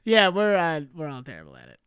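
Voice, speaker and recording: A man's voice: a little high, expressive, quick pace, a bit bright, clean tone, no echo, studio quality. A man co-hosting a comedy podcast, talking in casual, profane banter and laughing often. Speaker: podcast co-host.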